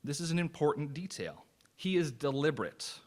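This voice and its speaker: A man's voice: fairly high pitch, big pitch swings, moderate pace. A man preaching a sermon as associate pastor, in an earnest, conversational way with personal stories.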